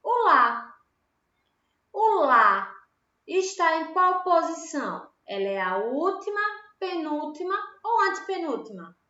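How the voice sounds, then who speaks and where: Slow, lively Brazilian woman teacher. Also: very high-pitched. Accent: Brazilian Portuguese. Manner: slow, patient, asks questions and answers them herself. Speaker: primary school teacher. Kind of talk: recorded online grammar lesson. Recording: echoey room, dull lo-fi home recording.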